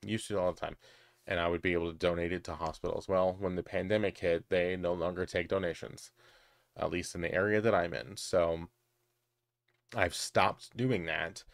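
With a deep, gravelly voice and fairly even intonation, a middle-aged man runs a crochet and knitting channel and casually answers viewer questions at a moderate pace. He has the hiccups and keeps hesitating with ums and restarts, and there's no echo.

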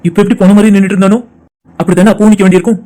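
A man's voice: high-pitched, steady tone, rapid-fire, warm tone, natural voice. A man voicing a heartbroken young lover in a cartoon, sorrowful and subdued. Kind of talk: cartoon voice acting.

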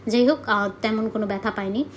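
A woman's voice: mid-range voice, quick pace, slight background noise. A young woman from Bangladesh narrating her vlog in a chatty, casual way, often dropping English words into her speech. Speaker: vlogger.

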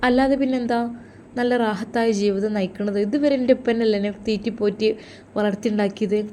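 An affectionate young daughter in a storybook, raising her pitch and hurrying her words in concern, as a woman narrator voices her. Her voice is mellow and warm. A faint hiss sits in the background. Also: steady tone, close to an everyday voice. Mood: worried, caring. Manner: higher, eager, quick.

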